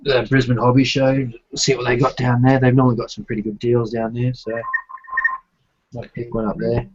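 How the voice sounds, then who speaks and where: A man's voice: mid-range voice, little pitch movement, moderate pace, noisy background. A man chatting casually and slangily about his hobby, with some swearing, on a group call. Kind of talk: casual hobby chat while building models. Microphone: online group call microphone. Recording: dull, lo-fi call audio.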